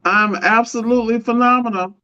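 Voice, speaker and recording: A woman's voice: on the high side, steady tone, a little fast, pushed and bright. Co-host, woman, dialing in remotely; upbeat, emphatic delivery through a buzzy, glitchy, dull lo-fi call line. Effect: buzzy, glitchy video-call audio. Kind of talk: casual live-stream chat. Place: remote location.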